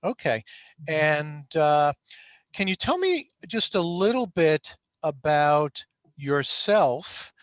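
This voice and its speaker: A man hosting a technology review interview, asking questions in a halting way with repeated "uh"s. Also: on the high side, very animated, fairly bright tone, dry recording.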